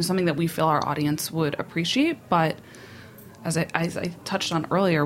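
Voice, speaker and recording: Friendly woman with a lowish voice. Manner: friendly, rambling, restarts often. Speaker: guest, event co-director. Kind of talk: casual radio chat.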